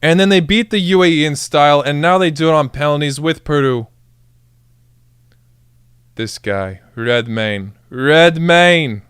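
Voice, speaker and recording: A man's voice: a little high, fast talker, few pauses, clean tone, no echo, clean studio sound. Hyped young man reacting to football. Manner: hyped, chants and cheers, addresses chat as guys. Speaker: football streamer reacting live. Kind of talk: excited live match reaction.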